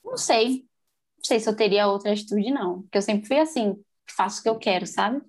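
A woman's voice: medium pitch, a little fast. A woman in her twenties from Brazil, chatting casually and candidly, often acting out what other people said. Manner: candid, animated, quotes others in lively voices. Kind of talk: casual chat.

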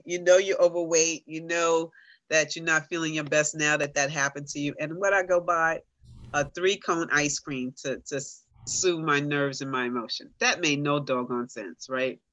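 A woman guest on a podcast telling a personal story with animated, dramatic delivery. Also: low-pitched, dry recording. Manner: animated, dramatic voices for herself in quotes.

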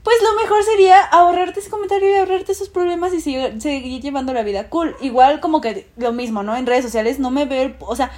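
A woman's voice: high-pitched, fast, few pauses, darkish tone. A woman in a casual chat, opinionated and emphatic.

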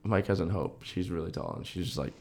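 A young man co-hosts a podcast in a low, brisk, gravelly voice. He chats casually in slang and tells stories with animation, acting out what people said.

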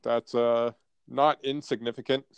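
A man's voice: medium pitch, level tone, a little slow, vocal fry, clear, resonant tone, no room sound, lo-fi sound. Blunt, profane North American frat-bro sports guy. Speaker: sports podcast co-host. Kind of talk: casual sports chat.

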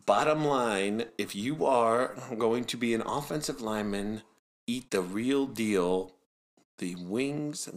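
A man hosts a casual football coaching podcast. His voice sits on the low side. He talks in a jokey, opinionated way and holds firm on his views.

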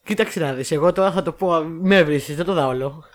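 Woman co-host, casual chat, sarcastic and animated, mimics quotes. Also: low-pitched. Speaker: podcast co-host. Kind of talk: casual chat reviewing films.

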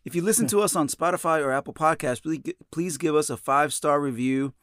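A man's voice: fairly high pitch, fast, a bit bright, clear, resonant tone, no room sound, clean studio sound. A young man co-hosting a casual podcast, talking in a rambling way with many fillers. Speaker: podcast co-host. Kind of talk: casual chat.

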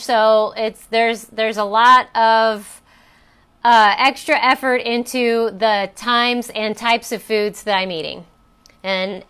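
A woman hosts a personal coaching talk in a high, smooth, clear voice. She tells a story conversationally, with fillers and restarts. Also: fairly bright tone. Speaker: host.

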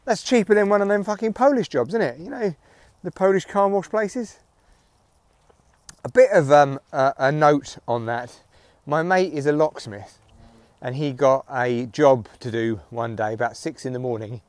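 A man's voice: on the high side, moderate pace, a little mellow, no echo. A middle-aged British man chatting casually and wryly, with swearing, recorded outdoors on a walk through headphones used as a mic near his neck. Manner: sweary, wry. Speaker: podcast host and comedian. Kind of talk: casual solo chat, rambling audio diary. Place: outdoors, walking in the evening.

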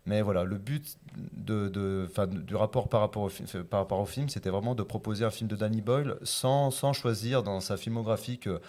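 A man talking casually about a film he picked, hesitant and halting. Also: lowish voice, a little mellow. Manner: hesitant, many fillers and restarts. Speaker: co-host who picked the film. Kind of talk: casual chat about films.

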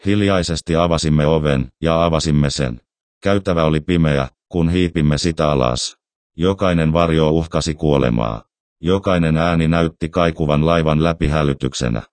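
A man reading a scary story aloud as narrator, in a steady, measured, somber way. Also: a bass voice, dry recording. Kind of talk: scripted horror story narration.

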